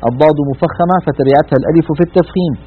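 Husky man teaching in a tinny broadcast. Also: on the high side. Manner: patient and methodical, slowly drawing out example words. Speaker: Quran recitation teacher. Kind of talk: broadcast lesson on recitation rules. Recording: tinny, narrow-band radio broadcast.

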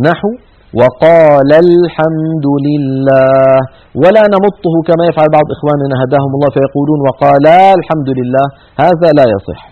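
Man explaining grammar on a televised lesson, brisk, narrow tinny audio. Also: a little high. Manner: explains slowly, reads examples aloud with emphasis, repeats points. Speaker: teacher. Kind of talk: Quranic Arabic grammar lesson. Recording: tinny phone-like broadcast sound.

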